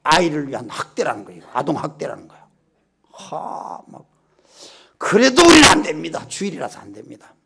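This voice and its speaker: A middle-aged man preaching a revival sermon in a church, telling a personal testimony with animated swings from loud exclamations to hushed asides. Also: on the high side, brisk, creaky, breathy edge. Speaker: pastor. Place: church sanctuary.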